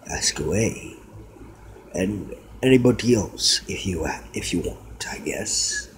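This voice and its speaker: A man doing a whispery dark villain. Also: a little hiss or hum. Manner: slow low menacing delivery dropping to whispers; hesitant, rambling asides. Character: sinister demonic male villain, mocking and grandiose. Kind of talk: fan character Q&A announcement.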